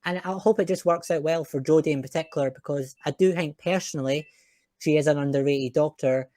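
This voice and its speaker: A man's voice: on the high side, fairly quick, mellow, no room sound, studio quality. A man hosting a podcast, chatting in an opinionated, chatty way with some fillers. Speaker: podcast host. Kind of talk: casual chat.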